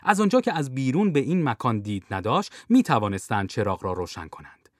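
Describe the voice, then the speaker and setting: Expressive male audiobook narrator. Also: medium pitch, no room sound, studio quality. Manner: lively, expressive storytelling.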